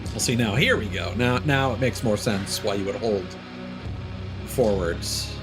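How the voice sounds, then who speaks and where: A man with a lowish, unhurried voice streams a video game and chats aimlessly, using plenty of fillers and throwing in casual swear words. Behind him plays the game's guitar-driven soundtrack.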